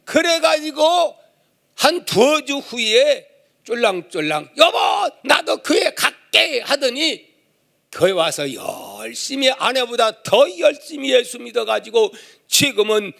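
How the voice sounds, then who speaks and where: A male pastor preaching in a storytelling way, with a high, swooping voice. He talks slowly and deliberately, with a gravelly edge, and keeps switching into character voices. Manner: animated, acts out the voices of the people in his story. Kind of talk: storytelling sermon.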